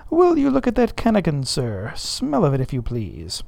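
A man reading aloud and voicing a blustering, indignant ship's mate who fires off loud, sputtering questions. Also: mid-range voice, lively intonation, moderate pace, dry recording, natural voice. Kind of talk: audiobook character voice.

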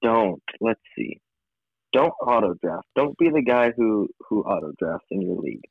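A man's voice: lowish voice, animated, normal speed, vocal fry, husky, dry recording. A man co-hosting a casual sports chat, heard over a crackly phone line and often restarting his phrases. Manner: restarts phrases, repeating words. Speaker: podcast co-host. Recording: tinny, crackly phone call.

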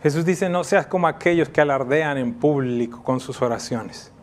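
A man in his thirties, a pastor preaching a sermon, animated, raising his voice for emphasis and slowing down to read scripture. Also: fairly high pitch. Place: church.

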